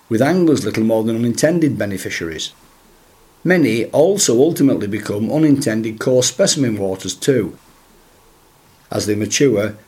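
A man with a croaky, hoarse voice from a chest cold, hosting a podcast with formal, scripted introductions and questions. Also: fairly low pitch, darkish tone. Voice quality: croaky, husky. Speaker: podcast host.

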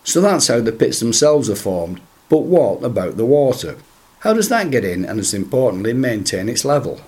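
A man with a croaky, hoarse voice from a chest cold, hosting a podcast with formal, scripted introductions and questions. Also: medium pitch, big pitch swings, moderate pace, darkish tone. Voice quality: croaky, husky. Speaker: podcast host.

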